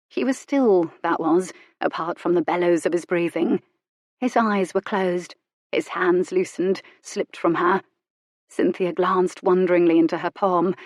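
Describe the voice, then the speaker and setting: A woman narrating a romance novel in an intimate, measured reading. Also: on the low side, a little mellow, no echo, studio quality. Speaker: audiobook narrator.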